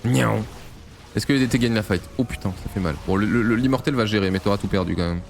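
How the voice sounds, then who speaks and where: A man from France breaks down a game replay in relaxed, teasing chat. He jokes, swears freely and keeps bursting into exclamations, with faint music under his voice. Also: lowish voice, very fast. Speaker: StarCraft grandmaster analysing a replay. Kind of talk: casual gameplay commentary.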